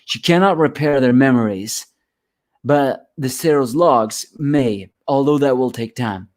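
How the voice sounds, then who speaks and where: A man's voice: medium pitch, measured pace, darkish tone. A man giving a rambling solo review of a manga chapter, sleepy and yawning, often restarting his words.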